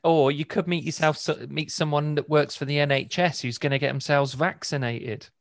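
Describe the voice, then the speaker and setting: A man's voice: on the high side, fairly even intonation, normal speed, no room sound. A British man hosting and editing a podcast, chatting in a laid-back, self-mocking way and laughing often. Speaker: podcast host and editor. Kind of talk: casual banter.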